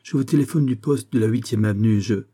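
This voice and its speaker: A man's voice: on the low side, fast talker, mellow, close to an everyday voice. A man reading an audiobook, voicing an agitated police chief giving an urgent report. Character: agitated middle-aged male police chief. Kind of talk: audiobook character voice.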